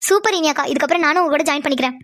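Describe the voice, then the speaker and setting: A woman voicing young female cartoon characters, lively and full of questions. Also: high voice, rapid-fire, dry recording, clean studio sound. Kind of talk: Tamil cartoon voice acting.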